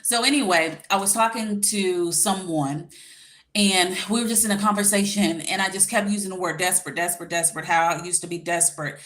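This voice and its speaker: Lowish voiced woman in her 40s, life coach chatting on a livestream, bit of a lisp from her retainer, real informal. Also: a little fast, fairly bright tone. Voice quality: slight lisp from wearing a retainer. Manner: informal, colloquial, direct address to viewers. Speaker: life coach and YouTube host. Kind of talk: casual livestream chat giving dating advice.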